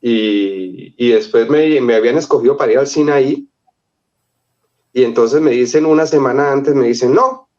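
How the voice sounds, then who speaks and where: Animated Colombian man, muffled dull sound. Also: medium pitch, normal speed. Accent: Colombian Spanish. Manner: animated, acts out the voices of people in his story. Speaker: interview guest. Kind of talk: storytelling in an interview.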